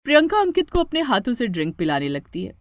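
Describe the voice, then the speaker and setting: A woman narrating a scripted storybook cartoon in an expressive storytelling manner. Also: fairly high pitch, quick pace, no echo, clean studio sound.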